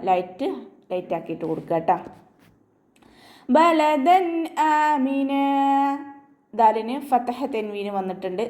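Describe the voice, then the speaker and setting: Patient woman teaching recitation rules. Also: mid-range voice. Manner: patient step-by-step instruction with gentle reminders. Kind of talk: online recitation lesson.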